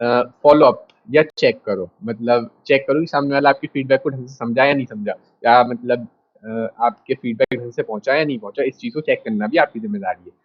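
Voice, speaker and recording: A man's voice: mid-range voice, fairly quick, husky, lo-fi sound. A man teaching a class in a casual, direct way, repeating his points and talking straight to the students. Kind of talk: casual lecture.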